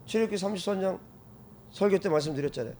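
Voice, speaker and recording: A male pastor preaching an animated sermon, breaking into loud shouted exclamations and frequent laughter. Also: sits high, racing, a little hiss or hum.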